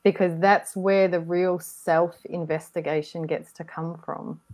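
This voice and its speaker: A woman co-hosting a casual online discussion, reflective and gently encouraging, often restarting her sentences. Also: lowish voice, fairly even intonation, measured pace. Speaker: co-host. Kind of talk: casual group discussion on a video call.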